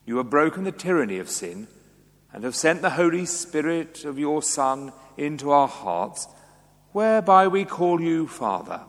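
Solemn man praying in cathedral echo. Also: on the high side. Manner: solemn, measured, formal delivery. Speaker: Anglican officiant leading prayers. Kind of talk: liturgical prayer recitation. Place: large reverberant church. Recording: cathedral echo, long reverb.

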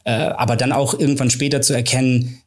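A man's voice: medium pitch, flat delivery, brisk. A man with a German accent, a podcast guest who talks about his work in a candid, reflective way and drops English phrases into his speech. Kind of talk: candid conversational interview.

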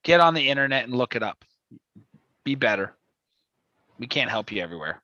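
A man co-hosting a podcast in casual chat, animated, laughing often and swearing casually. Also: medium pitch, brisk, no room sound, muffled recording. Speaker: podcast co-host. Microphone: video call.

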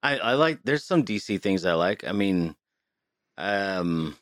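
A man's voice: low-pitched, animated, unhurried, fairly bright tone, dry recording, studio quality. A man co-hosting a podcast, chatting casually and swearing freely with many restarts, recorded inside a small closet. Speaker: podcast co-host. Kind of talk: casual chat.

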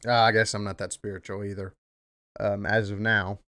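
A man's voice: lowish voice, level tone, moderate pace, pushed and bright, clean tone, dry recording. Rambling, cursing young man, dry sound. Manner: rambling and profane, heavy with "um" fillers. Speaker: podcast host. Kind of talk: casual monologue.

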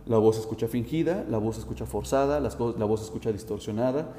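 A man who is a safety instructor, giving a direct, instructive talk to the listener, often pausing on 'eh'. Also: mid-range voice, warm tone. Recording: roomy with long reverb.

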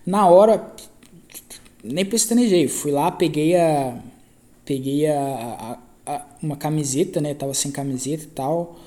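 Rambling Brazilian man, mellow voice. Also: fairly high pitch, measured pace. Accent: Brazilian Portuguese. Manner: rambling, self-correcting, repeats phrases, slangy. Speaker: podcast host. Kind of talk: casual podcast storytelling monologue.

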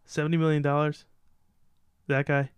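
Man, podcast co-host, opinionated, casual, very clear voice, dry room. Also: fairly high pitch, completely flat delivery, normal speed, no echo. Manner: opinionated, loose, reads out picks then riffs. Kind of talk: casual sports draft chat.

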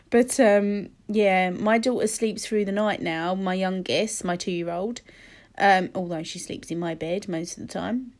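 A woman, chatting casually and rambling with many fillers while sniffly from a cold. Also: medium pitch. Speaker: podcast host. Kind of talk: casual solo chat.

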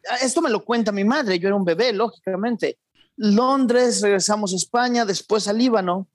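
A man, a guest in an interview, speaking in a reflective, measured way with some restarts. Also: high voice, no echo, studio quality. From born in Argentina, raised in Mexico. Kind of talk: conversational interview.

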